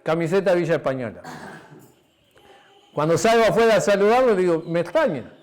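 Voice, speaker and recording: A man's voice: high-pitched, lively intonation, brisk. A man preaching a sermon as pastor, with a Uruguayan Spanish accent, telling a personal story with acted-out dialogue and frequent tag questions. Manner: drops to a quiet, intimate tone near the end.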